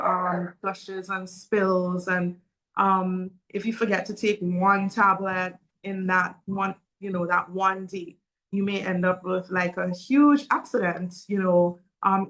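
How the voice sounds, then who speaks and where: A woman's voice: mid-range voice, a bit bright, low-quality recording. A woman in her forties from Saint Vincent and the Grenadines, telling her personal story earnestly and openly as a panel guest. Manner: earnest, open, with frequent um fillers. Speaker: guest speaker.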